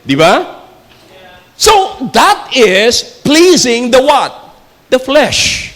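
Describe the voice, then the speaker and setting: High, lively Filipino preacher man. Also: very slow, long reverb tail. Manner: mixes English and Tagalog, jokes, shouts for emphasis. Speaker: pastor. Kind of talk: sermon.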